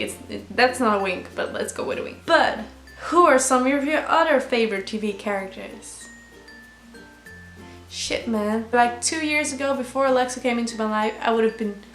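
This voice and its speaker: A woman's voice: fairly high pitch, reverberant. A young woman from the Netherlands with a Dutch accent, answering fan questions in a casual, sarcastic, swear-heavy vlog. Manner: sarcastic, profane, rambling. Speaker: vlogger.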